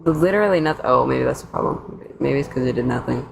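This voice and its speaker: A woman's voice: extremely low pitch, brisk, creaky, noisy background. A woman streamer giving casual, wisecracking live commentary while reacting to a video. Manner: wisecracking, incredulous, slangy.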